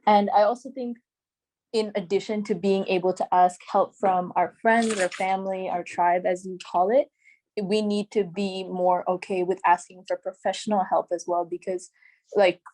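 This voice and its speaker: A woman's voice: mid-range voice, steady tone, moderate pace, darkish tone. A young woman from Canada joining a video call as a guest, speaking thoughtfully with lots of "like" and "um". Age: young adult. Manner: thoughtful, many fillers like "like" and "um". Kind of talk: casual discussion.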